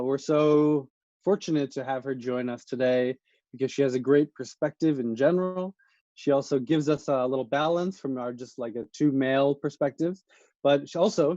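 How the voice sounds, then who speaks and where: A man's voice: fairly high pitch, darkish tone, no echo. Chatty American man hosting a podcast. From United States. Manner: chatty, leading the questions. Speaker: podcast co-host. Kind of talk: casual podcast chat. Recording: dull, dry sound.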